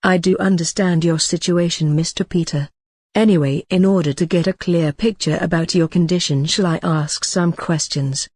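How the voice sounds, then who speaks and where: A woman playing a reassuring ward nurse in a scripted role-play, speaking gently, calmly and rather formally. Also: lowish voice, moderate pace, husky, no echo. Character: reassuring female ward nurse counselling a patient. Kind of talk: scripted role-play dialogue for exam practice.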